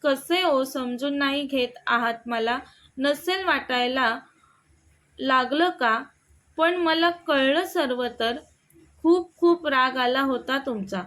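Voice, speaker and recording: A woman voicing an emotional young wife who pleads through tears, with a high, slow voice. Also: a bit bright. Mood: pleading. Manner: pleading and teary.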